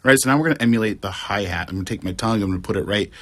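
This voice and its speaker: A man who teaches music, giving a casual video lesson in a slangy, relaxed way with a bit of swearing. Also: on the low side, very fast.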